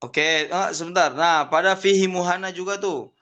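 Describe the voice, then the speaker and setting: A young man from Indonesia giving an online lesson on Quran recitation, explaining patiently and chanting verses in a drawn-out tone. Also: high voice, fairly even intonation, bright, forceful tone, muffled recording. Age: young adult.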